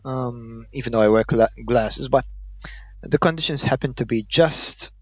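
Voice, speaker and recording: He's a gaming video creator from Malta, talking through gameplay off the cuff in a Maltese accent, hesitant and thinking aloud. His pace is measured. The recording is dry but muffled, dull and low-fidelity.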